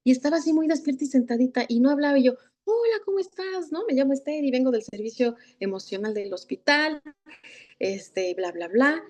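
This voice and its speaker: A Mexican thanatologist teaches a masterclass through stories, acting out the dialogue and using tag questions. Her voice is high and somewhat dark in tone, and she talks a little fast.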